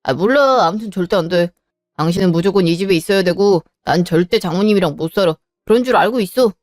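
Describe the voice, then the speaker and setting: A woman voicing a cold, dismissive husband who flatly refuses every request. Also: medium pitch, fast, no echo, studio quality, lightly acted. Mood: stubborn. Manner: blunt and unyielding. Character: cold, dismissive husband, busy working man. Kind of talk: Korean drama voice acting.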